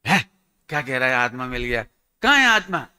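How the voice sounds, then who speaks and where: A man's voice: mid-range voice, very animated, a little fast, sharp tone, smooth, pitched below the performer's own voice. A man voicing a bewildered mother in a sermon story, coaxing and questioning her son. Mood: puzzled.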